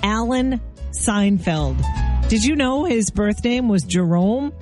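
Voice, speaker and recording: A woman co-hosts a morning radio show in easy, teasing banter. Her voice sits at a middle pitch and she laughs often. Soft music plays faintly underneath. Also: animated, slow pace. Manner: chatty, laughs easily, teasing.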